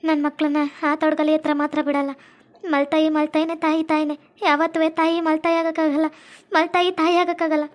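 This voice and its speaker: A woman's voice: high voice, level tone, a little fast, close to an everyday voice. A woman playing a protective, stubborn first-wife mother in a comedy skit, soothing and firm. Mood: tender.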